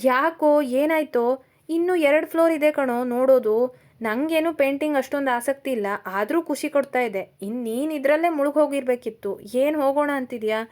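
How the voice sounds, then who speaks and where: A woman's voice: high voice, moderate pace, a little mellow, close to an everyday voice. A woman voicing a young man, a loyal best friend who talks in a breezy, coaxing, teasing way in a storybook reading.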